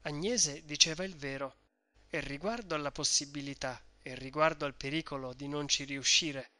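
A man narrating a classic novel in a measured, storytelling manner. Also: on the high side, bright, forceful tone, dry recording. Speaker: audiobook narrator. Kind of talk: literary narration.

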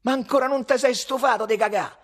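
A man voicing a sour, scornful young man who answers back in high, sneering retorts, with a husky voice. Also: brisk, a bit bright.

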